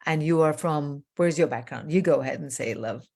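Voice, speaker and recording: An older woman originally from Iran hosting an interview as a coach, talking warmly and effusively, rambling with many fillers. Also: deep voice, a little fast. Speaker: host, transformational coach. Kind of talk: casual interview chat.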